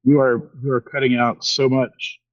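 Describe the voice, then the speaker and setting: A man's voice: mid-range voice, little pitch movement, moderate pace, dry recording, muffled recording. A man co-hosting a podcast in casual chat, joking and teasing, heard over a glitchy internet call connection. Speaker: podcast co-host.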